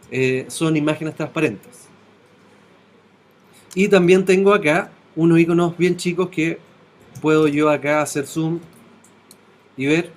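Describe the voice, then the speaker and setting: Higher-voiced man teaching a class. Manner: talks step by step, checking in with students. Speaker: web design teacher. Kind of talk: classroom software tutorial.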